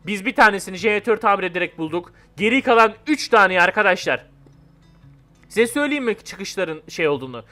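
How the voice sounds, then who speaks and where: Excitable high bright young gamer man. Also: fairly quick, soft background music. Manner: excitable, chatty, talks to viewers as "abi" and "arkadaşlar". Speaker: gaming YouTuber. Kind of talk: Roblox let's-play commentary.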